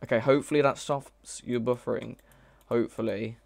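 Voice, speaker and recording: Man, gravelly voice, casual live-coding chatter, halting and self-correcting. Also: mid-range voice, steady tone, a little mellow, dry recording. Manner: thinks aloud, hesitant, self-correcting. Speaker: mod developer streaming live.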